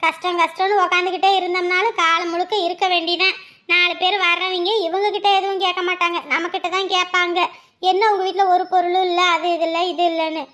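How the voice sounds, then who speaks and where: A woman's voice: extremely high pitch, level tone, fast talker, bright, forceful tone. A woman, chatting and scolding in a neighbourly skit. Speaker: performer voicing village women. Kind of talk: village comedy skit dialogue.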